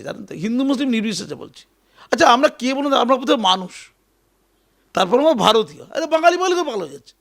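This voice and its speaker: A man giving an animated, emphatic political interview, often repeating his phrases. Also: very high-pitched, vocal fry. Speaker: interview guest.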